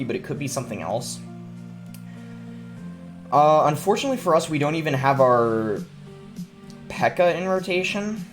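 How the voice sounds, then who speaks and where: Sitting at a gaming desk in an indoor room, a young man streams live gameplay and talks through it in an easygoing, explanatory way full of fillers. He has a cold, so his mid-pitched voice sounds stuffy and his throat is sore. Soft game music runs in the background.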